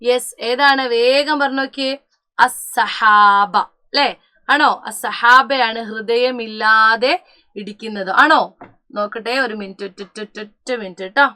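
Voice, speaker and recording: A woman's voice: on the high side, fairly even intonation, unhurried, pushed and bright. A young woman teaching an online class, who talks to her students as children, asks questions and answers them herself, and often stops to correct herself. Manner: mixes English words into her speech, corrects herself often.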